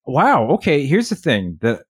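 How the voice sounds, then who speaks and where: A man's voice: on the high side, huge pitch swings, a little slow, husky, dry recording, clean studio sound. A young man co-hosting a podcast in easygoing, playful chat with jokey asides. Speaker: podcast co-host.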